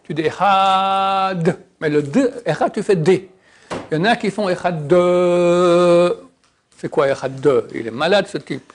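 A man's voice: a little high, slight background noise. A man giving an informal religious lesson. He stretches out and half-sings Hebrew words to show how they are said, and he drops casual, teasing asides between the examples. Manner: lively, drawn-out demonstrations of words, half-sung. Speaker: religious teacher.

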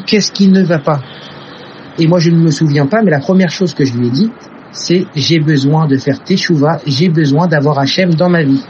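A man's voice: on the high side, a little mellow, lo-fi sound, slight background noise. A man telling an emotional personal story in an earnest way. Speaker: testimony teller. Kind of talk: personal testimony.

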